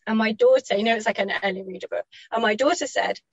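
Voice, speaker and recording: A woman's voice: on the high side, fast talker, husky, no room sound, highs cut off. A woman guest telling personal parenting stories in a chatty, reflective way, laughing often and correcting herself as she goes.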